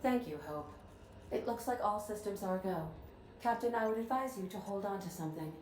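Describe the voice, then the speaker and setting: A woman's voice: medium pitch, lively intonation, moderate pace, a little mellow, close to an everyday voice. A woman voicing a polite female ship's computer AI that speaks in dry, precise, machine-like phrasing. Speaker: ship's artificial intelligence. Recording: roomy game audio with background noise.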